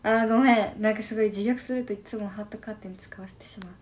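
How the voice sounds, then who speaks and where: Husky young woman with a Shimane lilt. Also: mid-range voice, steady tone. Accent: Shimane dialect. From Shimane, Japan. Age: 20s. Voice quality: husky, slightly hoarse. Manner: reads viewer comments aloud, murmurs quick thank-yous. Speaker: idol livestreamer. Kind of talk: casual live-stream chat.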